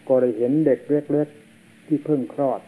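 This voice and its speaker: A man, a monk, giving a slow and solemn sermon, heard on an old worn tape. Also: medium pitch, fairly even intonation, mellow, poor audio. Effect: old worn tape recording.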